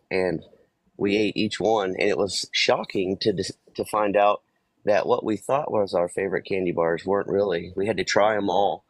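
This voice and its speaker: A man's voice: fairly low pitch, dry recording, low-quality recording. A man co-hosting a casual live conversation, plainspoken and reflective, explaining things through everyday examples. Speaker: co-host of a live online talk show.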